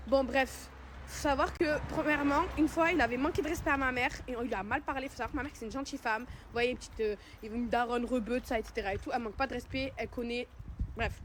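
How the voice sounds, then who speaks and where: A woman's voice: on the high side, a little hiss or hum. A young woman telling her followers a personal story in a casual, indignant, slangy way, with emphatic retelling.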